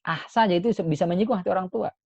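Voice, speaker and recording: A male Islamic preacher giving a sermon, expressive, moving between emphatic points and soft, hushed asides. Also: high-pitched, very fast, gravelly, no echo, lo-fi sound. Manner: expressive, swings between emphatic and soft hushed delivery, frequent pious exclamations.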